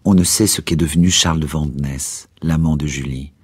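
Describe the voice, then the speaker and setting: A man reading a classic novel aloud on the radio, telling the story in a measured, dramatic way. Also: rumbling low, fairly even intonation, slightly rough.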